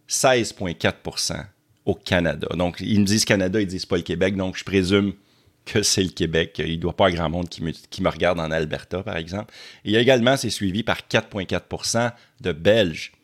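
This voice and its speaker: A man's voice: low-pitched, normal speed. A man from Quebec with a Québécois accent, hosting casually and stammering as he repeats words. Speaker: YouTube host. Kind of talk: casual chat.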